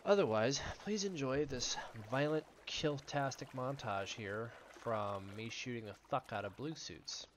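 A man's voice: medium pitch, a little slow, hardly any pauses, noisy background. A man narrating his gameplay as a tutorial, explaining step by step in a blunt, profane way. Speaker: gamer giving a tutorial over gameplay. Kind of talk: casual voice-over commentary. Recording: game sounds of water and boat loud behind. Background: game audio of paddling and water.

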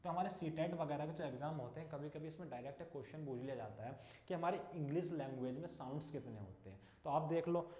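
A man teaching an English class who keeps asking his students questions and then answers them himself. His voice sits a little high, and the room around him is noticeably echoey. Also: fast, hardly any pauses, mellow. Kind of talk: classroom English lesson in Hindi.

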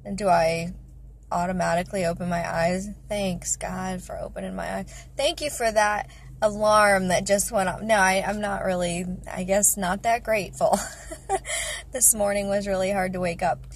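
A mother of five in her thirties vlogs from a parked car, chatting casually about faith and family into a phone camera held at arm's length. She rambles with many fillers in a medium-pitched voice with fairly even intonation at normal speed, and there is a little hiss or hum.

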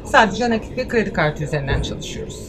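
A woman's voice: mid-range voice, animated, fast talker, background noise. A woman in her forties, a cafe owner, answering interview questions confidently and gesturing as she explains. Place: outdoor cafe terrace.

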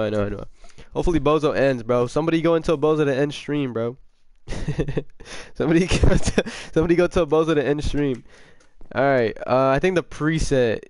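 A young man chatting casually with viewers during a gaming livestream, excitable, repeating himself and full of slang, his voice a bit sick. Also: mid-range voice, clear, resonant tone, no echo. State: slightly sick voice.

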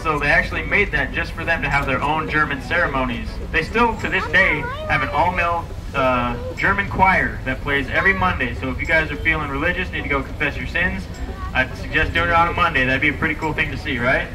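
A man's voice: on the high side, brisk, echoey room, distant mic, background noise. A man in his thirties guiding an outdoor river boat tour, chatty and joking, calling his riders his friends. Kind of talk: guided tour commentary.

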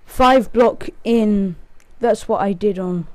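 A man with a high voice speaks slowly while hosting a gaming session. He gives loose, rambling commentary, counting aloud as he plays and joking at his own expense.

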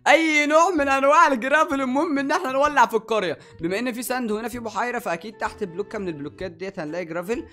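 A man with an Egyptian Arabic accent hosting excited gameplay commentary, playful and teasing, laughing often. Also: high voice, rapid-fire, hardly any pauses. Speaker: gaming YouTuber host.

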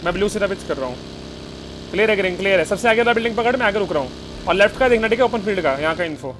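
A man with a high voice gives fast, repeated callouts to his squad in live voice chat. His words come quickly and urgently. Game noise is clearly heard behind him. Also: lively intonation. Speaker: team leader in a shooter game.

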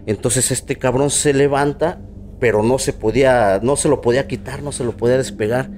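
A man's voice: mid-range voice, steady tone, moderate pace, darkish tone. Mexican guy on a podcast telling a ghost story, lots of slang and "este", mid voice, bit of faint noise. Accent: Mexican Spanish. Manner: slangy, filler-heavy, acts out quoted voices. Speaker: podcast host. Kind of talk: casual storytelling chat.

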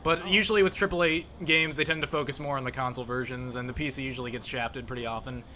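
Ranting, bright-voiced young man. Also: mid-range voice, fairly even intonation, quick pace, a little hiss or hum. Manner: ranting, profane, rambling. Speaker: let's play host. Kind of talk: casual gaming commentary.

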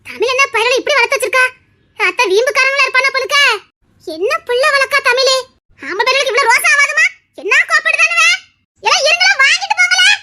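A woman's voice: very high voice, expressive, quick pace, bright, forceful tone, heavily acted. A woman with a Tirunelveli Tamil accent voicing a fussy, bossy middle-aged village aunt who scolds insistently.

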